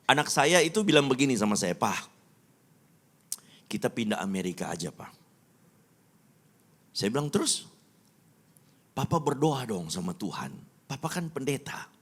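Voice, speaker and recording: A man from Indonesia, a pastor preaching a sermon and telling personal stories, who swings between loud pleading peaks and quiet conversational asides. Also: mid-range voice.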